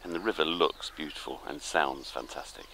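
An older man with a very low, deep voice talks easily to a handheld camera as he drifts down a river in a small boat. His tone is relaxed and chatty, as if thinking out loud. Birdsong and open-air river sounds come through clearly around him. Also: a little fast, slight background noise, rough recording. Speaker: solo small-boat voyager. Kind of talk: casual travel vlog commentary. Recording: outdoor birdsong and river ambience.

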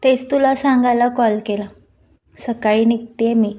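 A woman voicing a gentle, soft-spoken young woman who speaks hesitantly in a storybook reading. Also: on the high side, steady tone, unhurried, natural voice.

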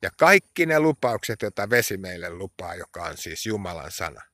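A man preaching a sermon, slow and emphatic, his voice rising into pleading, impassioned cries when he prays. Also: low voice, sing-song, sharp tone, dry recording, clean studio sound.

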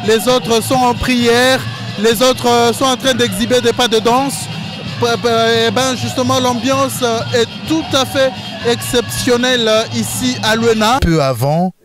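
High-voiced male news reporter. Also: over music, crowd noise. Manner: measured formal narration with fillers.

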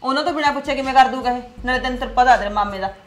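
A woman's voice: high-pitched, rapid-fire, lightly acted. A middle-aged woman, playing a protective, pleading mother in a family drama series. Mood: worried. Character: anxious protective village mother.

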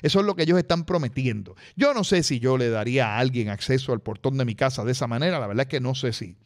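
This man presents a radio segment on technology, speaking chattily and directly to his listeners. His voice is mid-range, with lively intonation and a quick pace.

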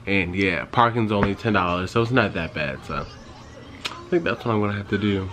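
A man's voice: fairly low pitch, normal speed, a bit bright. A young man vlogging in a casual, rambling way, telling stories to his viewers with lots of "like" and asides. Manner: rambling, chatty storytelling with frequent "like". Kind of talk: casual vlog chat. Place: in his car, then at home.

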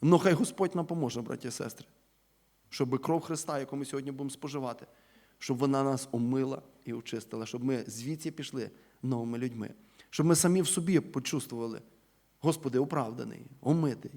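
Male pastor, mid-pitched voice, emphatic church sermon with rhetorical questions and sudden soft drop-offs. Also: quick pace. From Ukraine. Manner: emphatic, rhetorical questions, swings between loud stresses and quiet falling endings; addresses listeners as brothers and sisters. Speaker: preacher.

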